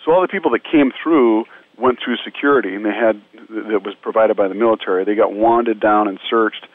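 In a radio interview, a man from a disaster relief medical team earnestly describes his relief work. His voice is lowish and a little fast, with no echo, and the audio has the narrow sound of a phone line.

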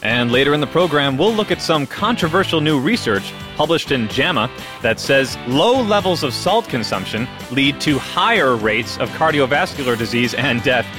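A man's voice: mid-range voice, lively intonation, moderate pace, music in the background. A man co-hosting a medical radio show, reading health news with jokey, pun-filled banter. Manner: jokey, fond of puns.

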